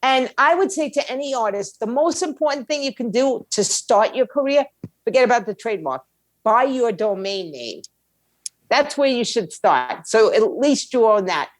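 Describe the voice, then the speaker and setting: A woman guest expert, a music attorney who also owns an indie label, explains things in an interview with plain-spoken, emphatic, conversational energy. Her voice is on the high side with lively intonation and normal speed, and there's no room sound.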